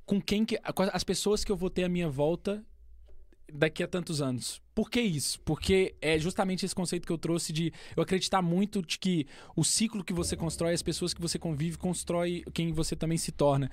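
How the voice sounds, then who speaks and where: A man's voice: on the high side, steady tone, a little fast. A man with a Brazilian accent, a podcast guest in casual chat who swears freely and laughs easily. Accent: Brazilian Portuguese.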